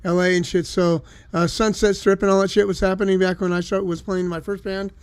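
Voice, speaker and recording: A man in his sixties from Southern California, a guest musician chatting casually in a rambling, relaxed way, full of "you know" and swearing. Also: sits high, a little fast, smooth, no room sound. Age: 60s. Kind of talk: casual chat.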